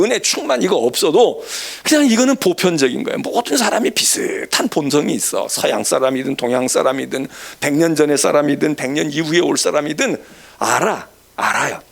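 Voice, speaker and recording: A middle-aged man from South Korea preaching a midweek sermon as pastor, in a conversational way, acting out quoted voices and swinging from soft asides to stern emphasis. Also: a little high, gravelly.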